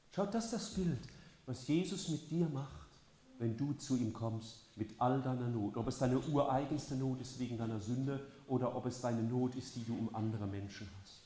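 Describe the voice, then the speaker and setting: An older male pastor preaching a heartfelt sermon, moving between quiet tenderness and loud, urgent appeals. His voice sits at a middle pitch and rings out in an echoey church hall. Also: a little hiss or hum. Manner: passionate, swings from soft to loud.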